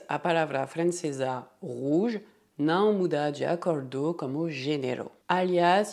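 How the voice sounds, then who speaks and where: A woman teaching French in a lesson, saying each word twice and slowly drilling repeat-after-me examples. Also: sits low, darkish tone.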